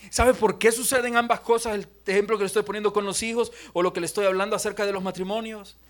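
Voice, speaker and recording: Young male pastor, high-pitched, lively sermon delivery with acted-out asides and hushed prayer moments. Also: fast talker. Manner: animated preaching, acts out quoted voices, drops to near-whispers in prayer.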